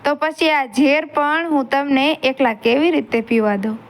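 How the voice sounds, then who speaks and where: Lady reading as a heartbroken young widow, high voice, tearful and pleading. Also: a little slow. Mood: pleading grief. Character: grieving young widowed woman, devoted to her mother-in-law.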